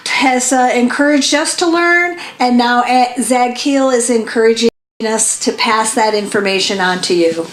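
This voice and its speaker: A woman co-hosting a show, explaining things in an earnest, slightly halting way. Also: a little high, echoey room. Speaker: co-host. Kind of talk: casual explanatory chat.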